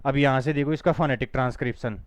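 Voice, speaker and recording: A man's voice: medium pitch, no echo. A man teaching an online phonetics lesson, spelling words out letter by letter and firmly urging students to repeat after him. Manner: drills words slowly, spelling them out letter by letter; firm, teacherly, urges students to repeat along. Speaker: spoken English teacher.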